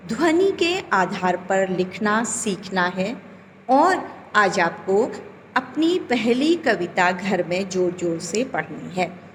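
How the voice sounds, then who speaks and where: A woman teaching a Hindi class to children, speaking deliberately, drawing out vowels and asking the class questions. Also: medium pitch, big-room sound, slight background noise. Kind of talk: recorded online class lesson. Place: home.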